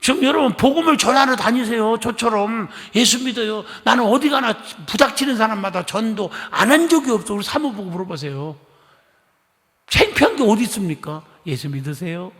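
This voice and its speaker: A middle-aged man from Korea's Chungcheong region preaches in a church sanctuary. His voice sits high and gravelly, leaping up and down as he tells stories and acts out conversations. Long hall reverb trails every phrase. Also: lively intonation, a little fast, fairly bright tone. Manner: chatty storytelling, acting out dialogue; coaxing the congregation to respond. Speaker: pastor. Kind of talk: lively sermon.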